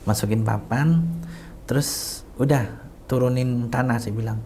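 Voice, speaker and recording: A middle-aged man, an interview guest, tells a personal story with feeling, acting out the dialogue and sometimes sinking to a hushed near-whisper. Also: mid-range voice, measured pace, soft background music. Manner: emotional retelling that acts out quoted dialogue; drops to a hushed near-whisper at tender moments. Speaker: community founder, interview guest.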